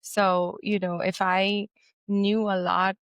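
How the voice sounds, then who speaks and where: A woman's voice: mid-range voice, flat delivery, slow pace, clean tone, dry recording. A woman from Guyana hosting a podcast interview, talking reflectively with frequent fillers and restarts. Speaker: podcast host. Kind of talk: conversational interview.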